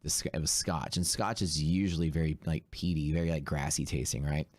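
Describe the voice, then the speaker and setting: A man's voice: extremely low pitch, steady tone, brisk, darkish tone, no room sound, studio quality. A hungover man chatting casually and in laid-back slang as he hosts a livestream. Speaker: host of a live day-trading stream.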